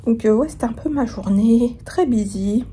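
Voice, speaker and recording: A travel vlogger in her hotel room talks casually to camera in a warm, slightly high voice at a moderate pace, with a bit of hiss or hum in the audio. Young and coming down with a cold and sore throat, she rambles chattily, with many fillers and restarts.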